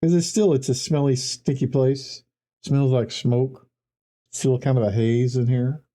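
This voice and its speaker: A man's voice: medium pitch, level tone, unhurried, dark tone. A man running a tabletop game as game master, describing scenes in a loose, conversational way.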